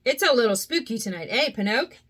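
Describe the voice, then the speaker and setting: A woman's voice: on the high side, lively intonation, fast talker, a bit bright. A woman voicing Jiminy Cricket, a small, nervous and kindly cricket, in a storybook reading. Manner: light, nervous.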